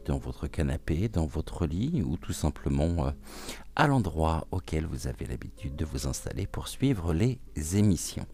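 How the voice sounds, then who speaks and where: A man hosting a gentle morning oracle card reading, talking softly and soothingly with many hesitant pauses. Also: low-pitched. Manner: hesitant, frequent filler pauses; soft, soothing, welcoming. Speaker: oracle card reader, channel host.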